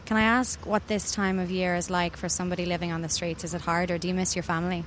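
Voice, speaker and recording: A woman's voice: on the low side, little pitch movement, fast, slight background noise. An Irish woman interviewing someone outdoors on a street, asking probing questions.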